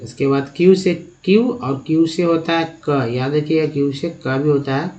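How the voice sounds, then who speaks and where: धीमे-धीमे समझाता हुआ एक आदमी, ऊँची आवाज़. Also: male voice, fairly high pitch, fairly even intonation, moderate pace, a little mellow, dull audio. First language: Hindi. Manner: explains step by step, asks the viewer questions. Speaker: English teacher. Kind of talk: spoken lesson at a board.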